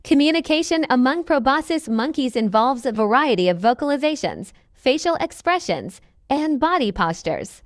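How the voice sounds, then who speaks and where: A woman reading scripted nature documentary narration in a measured, instructional manner. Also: sits high, very animated, no room sound, clean studio sound.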